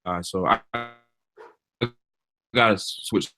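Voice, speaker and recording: A man talking slowly and haltingly in a casual discussion, heard over an online call whose audio keeps breaking up. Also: on the low side, steady tone, pushed and bright. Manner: slow, halting, trails off mid-sentence. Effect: choppy online call audio that keeps breaking up.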